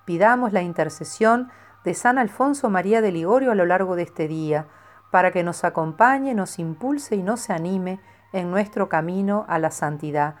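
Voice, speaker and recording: Female narrator for a scripted devotional reading, calm and measured, a little low in pitch. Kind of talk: scripted narration of a saint's life.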